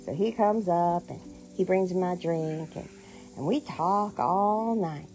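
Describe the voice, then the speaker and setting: A middle-aged American content creator with a warm, lowish voice tells a personal story slowly and casually, playful and sassy, acting out the dialogue. Music clearly plays in the background of this rough recording.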